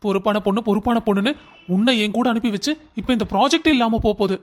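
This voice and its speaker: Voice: mid-range voice, rapid-fire, natural voice. Someone doing an irritable young man, scolding, exasperated, mid-range voice. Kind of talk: cartoon drama voice acting.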